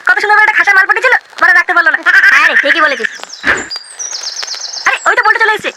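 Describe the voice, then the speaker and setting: A man's voice: very high voice, animated, racing, heavy background noise. A man voicing the characters in a crude comic cartoon, slangy and swearing constantly. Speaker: cartoon narrator and voice of several characters.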